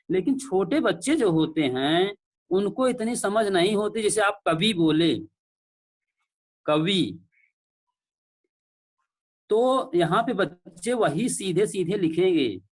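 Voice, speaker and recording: A man teaching an online class, explaining step by step with repeated examples and checking in with his students. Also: high-pitched. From India. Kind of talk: online class lecture on pronunciation. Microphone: online call.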